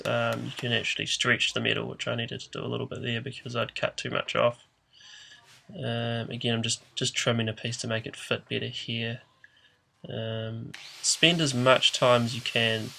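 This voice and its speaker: A man's voice: mid-range voice, vocal fry, sharp tone, low-quality recording. A man giving an informal, hesitant how-to voice-over in a matter-of-fact way, his voice nasal and congested as if he has a blocked nose. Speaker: DIY car repair presenter. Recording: noticeable background noise.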